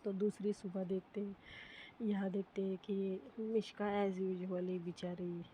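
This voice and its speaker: Mellow-toned woman telling a story. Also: mid-range voice, flat delivery, a little slow, lo-fi sound, a little hiss or hum. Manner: chatty, with frequent fillers. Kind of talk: casual story narration.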